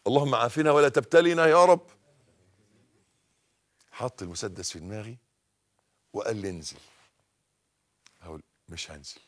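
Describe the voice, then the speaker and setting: A male preacher with an Egyptian Arabic accent delivers a televised sermon in everyday colloquial speech. His voice sits at a middle pitch for a man and swings between loud, fervent exhortation and quiet, low asides. He has the crowd call their blessings back to him. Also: big pitch swings, moderate pace, pauses often. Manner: leads the audience in call-and-response blessings.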